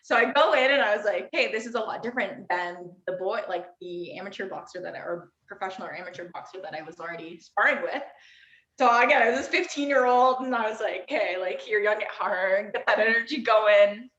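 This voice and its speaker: A young adult woman, a podcast guest, telling a story in lively, casual chat, acting out quotes and leaning heavily on "like.". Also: mid-range voice, brisk. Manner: animated, acts out quotes, many "like" fillers. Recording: roomy, dull-sounding.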